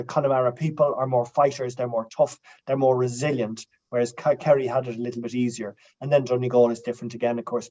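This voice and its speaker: An Irish man, a writer and guest in an interview, telling lively stories and dropping in Irish-language phrases. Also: mid-range voice, highs cut off. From Ireland. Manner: animated storytelling, quotes Irish phrases. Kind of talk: casual interview talk.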